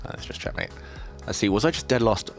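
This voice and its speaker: A man's voice: lowish voice, huge pitch swings, fast talker, creaky, faint music behind. A man streaming chess live in casual commentary, chatty and self-deprecating, reading out viewers' questions.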